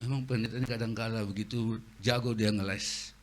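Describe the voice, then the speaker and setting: A man preaching a Sunday sermon, telling a story with acted-out voices and sudden loud, high shouts for emphasis. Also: steady tone, fairly quick. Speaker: pastor. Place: church.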